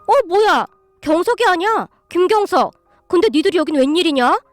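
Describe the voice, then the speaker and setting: A woman's voice: extremely high pitch, fast talker, a bit bright, no echo, faint music behind. A woman voicing a sneering rich young man who taunts old classmates in a storybook reading. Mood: mocking. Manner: taunting, scornful.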